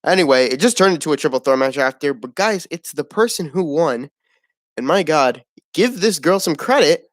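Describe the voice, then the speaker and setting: A man's voice: a little high, lively intonation, moderate pace, no room sound, clean studio sound. A man giving a casual, opinionated wrestling review, rambling, swearing and laughing at the show.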